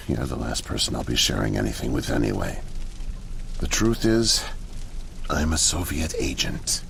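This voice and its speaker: An actor playing a weak, weary old janitor who is secretly a spy, speaking slowly and low in a video game. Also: male voice, very animated, creaky, fairly bright tone, a little hiss or hum, full character voice. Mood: confessing. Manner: slow, low confessional delivery. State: weak and thirsty. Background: game music.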